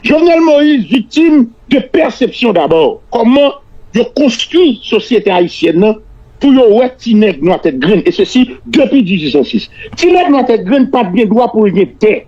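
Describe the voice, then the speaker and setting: A Haitian man with a strikingly high-pitched yet soft-edged, mellow voice gives political commentary. He slides between French and his native Creole, haltingly repeating small words as he argues. The sound is muffled and lo-fi, like talk radio. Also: very animated, slightly rough. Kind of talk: political analysis on a talk show. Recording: dull lo-fi radio-like audio.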